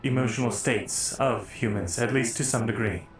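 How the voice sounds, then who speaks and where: A man voicing a calm, overly smooth android soldier, speaking in formal, even, unemotional machine phrasing. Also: mid-range voice, normal speed, lightly acted. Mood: smooth, flat. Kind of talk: voicing a character in a tabletop roleplay. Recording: echoey room with faint music.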